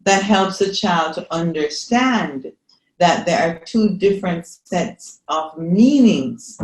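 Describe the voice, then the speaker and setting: A woman with a Jamaican accent, a psychologist guest, explaining patiently and checking in with her listeners over a video call. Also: fairly low pitch. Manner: patient, teacherly, checks in with "Yes?". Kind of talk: explanatory interview answers. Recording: echoey room.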